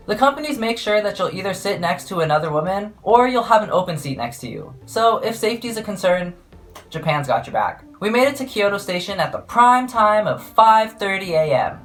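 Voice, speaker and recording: A young woman narrating her travel vlog in a playful, jokey, self-mocking way. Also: lowish voice. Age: young adult. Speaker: vlogger.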